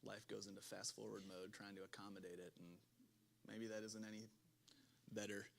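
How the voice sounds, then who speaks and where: A man's voice: on the low side, little pitch movement, normal speed, creaky, slight background noise. A man pastor leading a casual group discussion on scripture. He talks in a loose, chatty way, laughs easily and restarts his sentences as he goes. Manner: chatty, self-interrupting, laughs often. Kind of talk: conversational Bible study talk.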